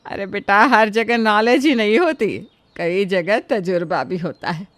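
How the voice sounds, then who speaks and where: A woman's voice: mid-range voice, lively intonation, a little slow, a bit bright, no echo. A woman voicing an elderly, outspoken neighborhood woman who hands out advice in a dry, close storybook cartoon recording. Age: older.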